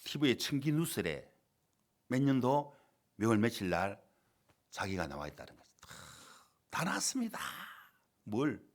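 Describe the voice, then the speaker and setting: A middle-aged male pastor preaching a sermon in a church, telling a story with dramatic swings between loud and quiet. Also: on the low side, sing-song, moderate pace, long pauses. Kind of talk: sermon with acted-out quotes. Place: church sanctuary.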